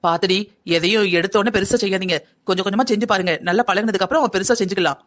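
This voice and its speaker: A woman's voice: mid-range voice, very fast, lightly acted. A woman voicing a caring mother in a cartoon story, giving motherly advice. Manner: motherly, advising. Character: caring middle-aged mother.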